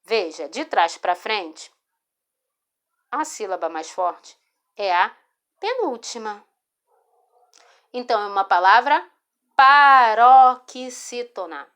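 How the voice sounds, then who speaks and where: With a mid-range, slightly bright voice full of big pitch swings, a Brazilian woman explains a spelling lesson over a screen recording. She has a Brazilian Portuguese accent, and the sound comes from a phone or screen recorder mic. She is slow and patient, repeating words and checking in with "tá?".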